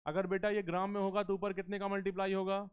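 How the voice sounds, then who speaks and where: A man teaching chemistry in a live class, coaxing students with questions and slowing down to dictate terms word by word. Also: sits high, flat delivery, smooth. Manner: coaxing, keeps asking students questions and calls them beta. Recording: tinny phone-like lecture recording.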